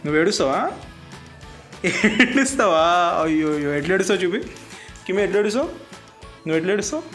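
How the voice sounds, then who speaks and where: Woman, low voice, sing-song baby talk, teasing and coaxing, music behind. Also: lively intonation, racing. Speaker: vlogger and mother.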